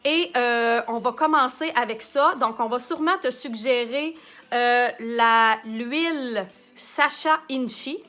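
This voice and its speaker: A Québécois woman with a high, bright voice hosts a live makeup demonstration. She talks in a chatty way and answers viewer comments while she works. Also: takes it slowly. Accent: Québécois French. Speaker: makeup artist hosting a live stream.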